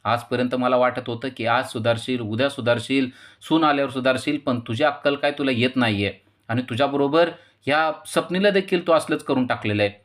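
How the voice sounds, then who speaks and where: A man's voice: mid-range voice, brisk, natural voice. A man voicing a stern older family head. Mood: furious. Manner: scolding, loud and rising.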